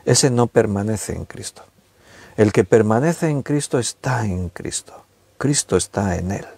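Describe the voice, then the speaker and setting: A man from preaching a sermon at home in a conversational way, slowing down to stretch key words. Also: lowish voice, creaky, a little mellow, breathy edge, no room sound. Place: recorded at home with a tablet.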